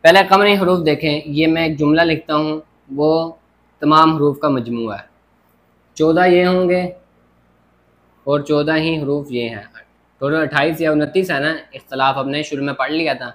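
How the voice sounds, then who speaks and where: A man's voice: fairly high pitch, moderate pace, a bit bright. A man teaching a grammar lesson at a board, explaining step by step and often checking with "theek ho gaya". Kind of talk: classroom lecture at a board.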